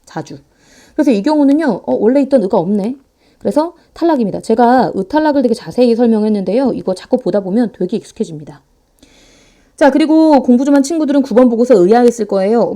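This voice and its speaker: A woman teaching a grammar lecture online in a playful, animated way, talking fast and sometimes acting out students' voices. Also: fairly high pitch. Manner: talks fast to save time.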